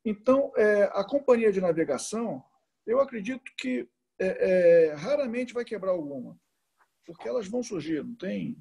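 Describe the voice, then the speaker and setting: Man, high gravelly voice, husky, hesitant with fillers, video call guest speaker. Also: expressive, moderate pace, warm tone. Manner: hesitant, many fillers and restarts. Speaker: tourism association president, guest speaker. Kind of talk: answering questions in an online talk.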